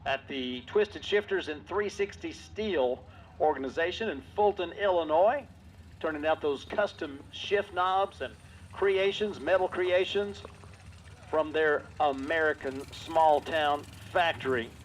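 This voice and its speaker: A man with a fairly high voice announces motorsport live, in the showy manner of a tractor pull or drag strip announcer. He delivers race calls and sponsor reads to the fans. Outdoor track noise and vehicles sit behind his voice. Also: measured pace, rough recording. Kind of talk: live race commentary and sponsor reads over public address.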